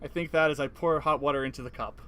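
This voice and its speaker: A man's voice: on the high side, fairly even intonation, quick pace, a bit bright, slight background noise. Man reading game text with jokey asides. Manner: reads narration evenly, then jokes and laughs between lines. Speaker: let's play co-host reading game text. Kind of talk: reading a visual novel aloud with commentary.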